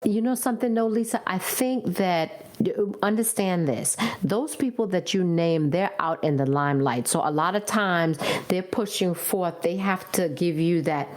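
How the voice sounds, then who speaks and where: A woman co-host speaks in a lowish voice and gives reflective, affirming advice. She talks in a friendly, casual tone. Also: normal speed, hardly any pauses. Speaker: podcast co-host. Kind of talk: casual chat.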